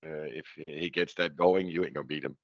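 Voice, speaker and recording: Give me a deep-voiced man whose mic crackles and cuts out. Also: fairly even intonation, fairly quick, no echo. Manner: hesitant, restarts words. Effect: crackling mic that keeps cutting out. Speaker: co-host. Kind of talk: casual discussion of game army lists. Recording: dull lo-fi dry mic with dropouts.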